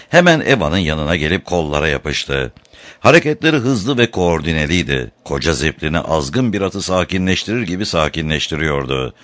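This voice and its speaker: Deep-voiced man reading an audiobook. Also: no room sound. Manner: dramatic, raises voice for shouted quotes. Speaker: narrator. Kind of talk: audiobook narration.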